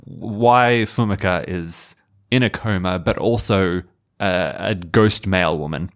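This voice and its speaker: Man, podcast co-host, casual chat, very low voice, gravelly, halting, laughs a lot. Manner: laughs often, halting restarts.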